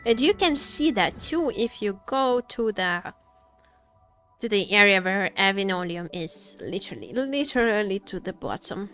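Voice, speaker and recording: In a mid-range, somewhat bright voice that swings widely in pitch, a woman chats with her viewers during a live gameplay stream. She's playful, quick to joke and given to exclamations, with music playing behind her.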